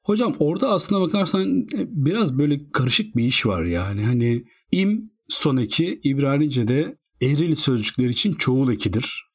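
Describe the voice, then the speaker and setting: A man's voice: mid-range voice, animated, moderate pace, husky. Curious man asking speculative questions. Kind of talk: casual chat.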